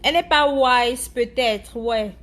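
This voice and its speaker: High-voiced chatty woman commenting. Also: takes it slowly, fairly bright tone. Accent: African-accented French. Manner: chatty, searching for words, repeats herself. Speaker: live streamer answering viewers' comments. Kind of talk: casual chat commentary.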